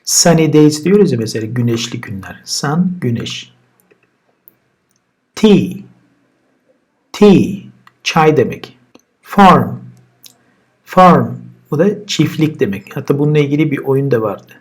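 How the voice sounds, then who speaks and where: A man's voice: medium pitch, lively intonation, a little fast, hardly any pauses, darkish tone, husky. A man with a Turkish accent teaching English vocabulary, saying each word twice and then explaining it. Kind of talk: vocabulary lesson with pronunciation drills.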